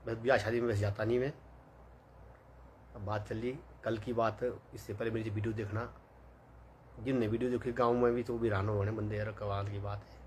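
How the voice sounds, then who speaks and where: A man's voice: on the low side, little pitch movement, a little fast, long pauses, slight background noise. Man telling a rambling story. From Himachal Pradesh, India. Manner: rambling, many fillers and quoted dialogue. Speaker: vlogger. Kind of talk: casual storytelling monologue.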